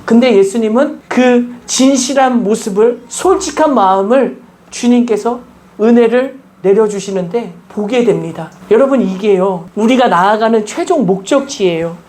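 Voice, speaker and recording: Telling stories with earnest emphasis, a woman serving as guest pastor keeps asking the congregation questions during a church sermon. She speaks at a moderate pace in a fairly high, slightly mellow voice.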